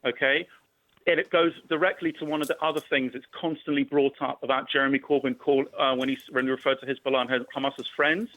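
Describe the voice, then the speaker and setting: Insistent radio caller over a tinny phone line. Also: male voice, medium pitch, level tone, fast, no room sound. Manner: insistent, argumentative, stumbles and repeats words. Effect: heard over a phone line on a radio show. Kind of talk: heated phone-in debate.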